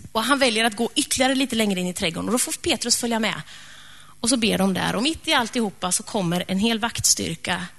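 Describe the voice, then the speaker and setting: Woman, preacher, sermon storytelling, conversational, gravelly. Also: medium pitch. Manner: lively, conversational retelling.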